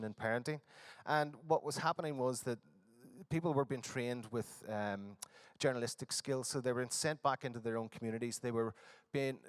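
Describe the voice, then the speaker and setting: Delivering a workshop talk in a conference hall, this Northern Irish man speaks in a mid-range voice, faltering often with fillers and restarts. His accent is distinctly Northern Irish, and the audio is dry.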